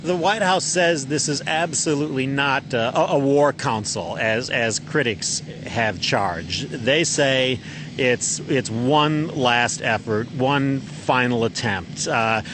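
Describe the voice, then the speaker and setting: A male news correspondent reporting live by satellite phone from outdoors, speaking haltingly with many fillers and repeated words. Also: medium pitch, noisy background. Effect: satellite phone line. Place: outdoors on an air base tarmac.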